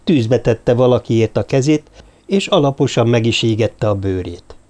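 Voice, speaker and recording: A man narrating a novel in a steady storytelling manner. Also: mid-range voice. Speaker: audiobook narrator. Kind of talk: scripted narration.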